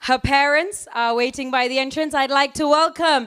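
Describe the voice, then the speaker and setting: A young woman hosting a wedding reception as maid of honor, slightly out of breath, mixing English with Malayalam. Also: high voice. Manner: lively, quick announcements, switching between English and Malayalam. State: a little out of breath. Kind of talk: live event hosting over a microphone. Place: large reception hall with loud music.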